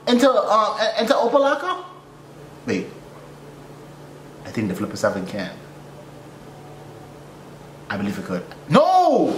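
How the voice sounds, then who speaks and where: A young adult male with an extremely high-pitched voice hosts a reaction video and works as an air traffic controller. Animated and exasperated, he tells a story in casual, slangy commentary with lots of repetition, recorded in a small furnished indoor room with roomy echo and faint background noise.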